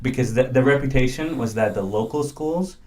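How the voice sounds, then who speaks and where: A man's voice: mid-range voice, normal speed, darkish tone. A man in his early thirties who grew up in India, speaking as a guest in a casual conversation and thinking aloud with many fillers and restarts. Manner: thoughtful, with frequent fillers and restarts. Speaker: interview guest.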